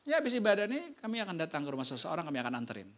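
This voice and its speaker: Animated man preaching a sermon. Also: on the high side, rapid-fire. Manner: lively, keeps checking in with the congregation; casual, slangy preaching with anecdotes. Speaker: pastor.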